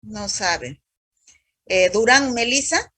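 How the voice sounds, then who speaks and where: A woman's voice: mid-range voice, lively intonation, slow, sharp tone, slightly rough, dry recording, studio quality. A woman teaching a university microbiology class over a video call, quizzing students by roll call in a stern, scolding way.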